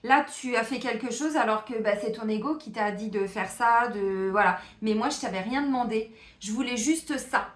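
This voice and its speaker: A woman's voice: a little high, normal speed, reverberant. Chatty French-speaking woman reading cards. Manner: chatty, addresses viewers directly, many fillers. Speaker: tarot card reader and therapist. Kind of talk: casual weekly card reading to viewers.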